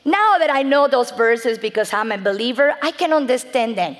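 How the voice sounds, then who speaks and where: A woman's voice: a little high, lively intonation, moderate pace. A middle-aged woman from Cuba with a Cuban Spanish accent, a native Spanish speaker giving an earnest church testimony, reading scripture and calling for amens. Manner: earnest, preaching, reads scripture aloud, calls out amen to the audience. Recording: long reverb in a large hall.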